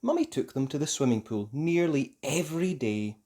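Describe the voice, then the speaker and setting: Reading a scripted story to little ones, a medium-pitched narrator uses a sing-song, deliberate delivery that stays expressive the whole way.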